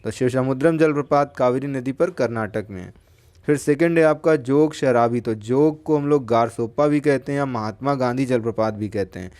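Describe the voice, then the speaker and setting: A man's voice: medium pitch, normal speed, a little mellow. A man teaching exam geography, talking in a chatty way and asking and answering his own questions. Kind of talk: lecture with memory tricks.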